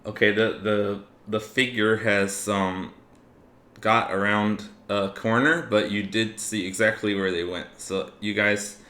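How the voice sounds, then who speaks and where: A man's voice: fairly low pitch, sharp tone. A man acting as game master, narrating a tabletop fantasy game casually. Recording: roomy, echoing room.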